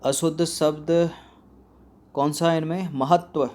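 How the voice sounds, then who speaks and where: A man's voice: fairly high pitch, fairly even intonation, takes it slowly, darkish tone. A man teaching spelling for an exam practice set, who puts a question to his students and then answers it himself. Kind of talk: spelling lesson walking through a practice test.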